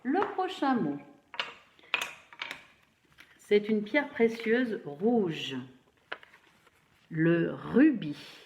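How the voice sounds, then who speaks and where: A woman teacher giving a phonics lesson to young children, slowly spelling out syllables and praising them. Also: medium pitch, big pitch swings, a little hiss or hum. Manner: slow, encouraging, syllable by syllable. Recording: roomy, dull lo-fi sound.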